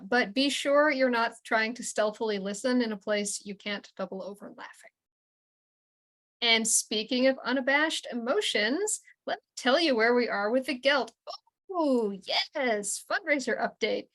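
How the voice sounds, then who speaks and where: A woman's voice: fairly high pitch, a bit bright. A woman hosting a fundraiser cabaret, chatty and self-deprecating, stumbling over her words. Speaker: cabaret host. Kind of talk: emcee patter at a fundraiser.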